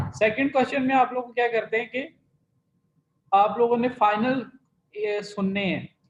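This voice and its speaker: A man teaching an online Chinese class, patiently explaining listening exercises and repeating his instructions. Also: high voice. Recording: dull lo-fi online class audio.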